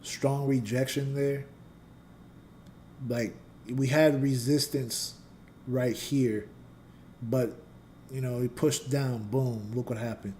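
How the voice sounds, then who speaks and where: A man with a mid-range, slightly mellow voice speaks slowly with fairly even intonation and long pauses, and his voice is getting a little scratchy. He hosts and teaches on a trading channel, casually walking viewers through price charts live and talking to the chat.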